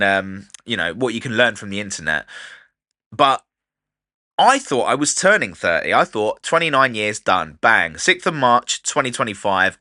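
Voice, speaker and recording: Chatty, lively man hosting a podcast. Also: medium pitch, dry recording, studio quality. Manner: chatty, animated, swears casually. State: wired on coffee, speaking fast. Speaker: podcast host and DJ. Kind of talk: casual solo podcast monologue.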